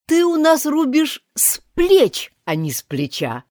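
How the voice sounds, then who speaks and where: A woman's voice: high voice, wildly swooping pitch, takes it slowly, darkish tone, dry recording, pitched above the performer's own voice, exaggerated voice. A woman voicing a pompous, fussy king in a storybook reading, in a dry recording. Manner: fussy, triumphant, self-satisfied. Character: blustering pompous male king.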